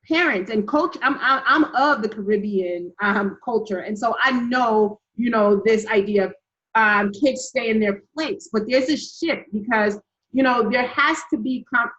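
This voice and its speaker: A woman's voice: on the high side, sharp tone. Reflective woman host, muffled audio. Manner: reflective, halting, with restarts. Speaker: podcast host. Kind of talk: conversational interview.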